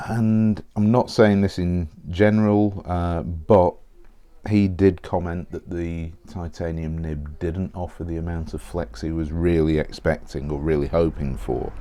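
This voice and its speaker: A man who reviews fountain pens goes through an unboxing in a relaxed, rambling way, his voice very low and mellow. He corrects himself, clears his throat again and again, and is slightly hoarse from losing his voice. The recording is dry.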